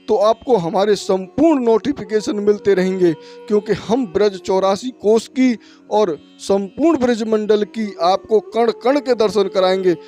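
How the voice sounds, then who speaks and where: A man's voice: high-pitched, warm tone. A man narrating a devotional travel vlog outdoors on a muddy road in the rain, speaking urgently to his viewers as friends. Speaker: pilgrimage vlogger.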